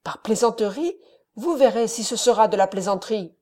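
Woman doing angry young man, rash, vengeful, loud heated lines, mellow tone. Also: mid-range voice, lively intonation, normal speed, lightly acted. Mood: furious.

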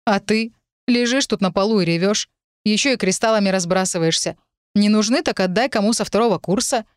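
A woman's voice: mid-range voice, fairly quick, no room sound, studio quality, close to an everyday voice. Woman reading a brusque mocking young man. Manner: curt, teasing, commanding.

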